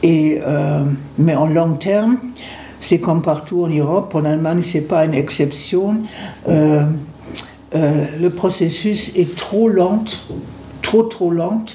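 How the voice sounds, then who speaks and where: A man answers interview questions in a halting way, often stopping to search for the next word. His voice is mellow and warm. The recording has a roomy echo and faint background noise. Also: a little high. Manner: hesitant, searching for words with many fillers. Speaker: interview guest.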